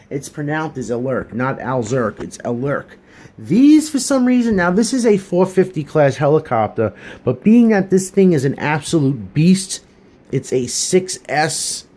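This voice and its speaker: A man's voice: mid-range voice, darkish tone. A man giving a casual hobby review, chatty and earnest, rambling with many fillers and restarts.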